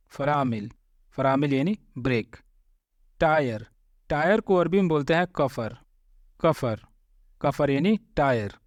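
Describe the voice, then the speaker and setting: A man giving a vocabulary lesson, addressing his viewers as friends and saying each word slowly and more than once. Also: fairly high pitch, darkish tone, no echo. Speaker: Arabic teacher.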